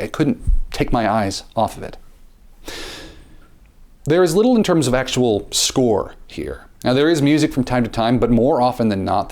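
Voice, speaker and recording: A man reads a scripted film review with theatrical flair. His pitch leaps and swoops all over, and he slows right down to stress key words. His voice sits at a middle pitch. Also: a little mellow. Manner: theatrical, with dramatic pitch swings and slowed emphasis; repeats words at the start of phrases.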